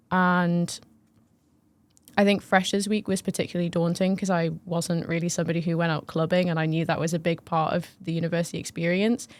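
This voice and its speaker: A young woman from northern England, a first-year student, chats casually but earnestly, hedging with many fillers. Her voice is lowish and a little mellow.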